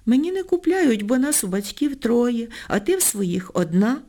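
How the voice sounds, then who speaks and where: A sharp-tongued, feisty village girl, voiced by a woman reading aloud, quick to snap back and loyal to her friend. Her voice rides a bit higher and brighter than the narration, cheeky and defiant in a storybook. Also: sing-song.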